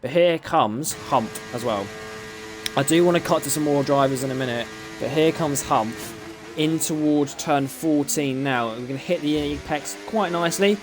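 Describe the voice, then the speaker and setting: A man's voice: fairly high pitch, normal speed, music in the background. Essex man calling sim racing qualifying. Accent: Essex English. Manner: chatty, stumbles over driver names and corrects himself. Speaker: league race commentator. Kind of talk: live sim racing commentary.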